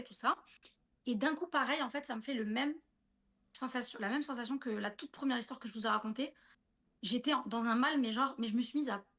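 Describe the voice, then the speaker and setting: With a fairly high, somewhat bright voice, a woman in her thirties shares a personal story as a guest in a relaxed livestream conversation. She often talks straight to her listener, her account peppered with fillers and restarted sentences.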